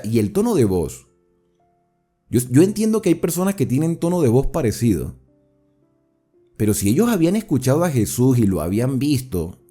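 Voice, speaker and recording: Man, Bible study teacher, conversational, questions the audience, mellow tone, faint music behind. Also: medium pitch, slightly rough. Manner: conversational, explains verse by verse and asks the audience questions.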